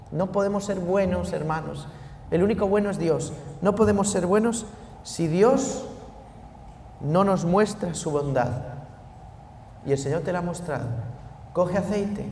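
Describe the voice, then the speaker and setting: A priest giving an animated sermon that swings between hushed and loud. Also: male voice, on the high side, big-room sound, slight background noise.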